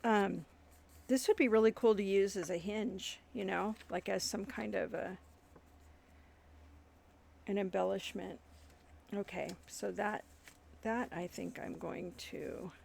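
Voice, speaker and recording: Slow, gravelly woman crafting at her desk. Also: mid-range voice, a little hiss or hum. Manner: unhurried, thinking aloud while working, soft asides. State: yawning, warm. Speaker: crafting channel host. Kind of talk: casual craft tutorial chat.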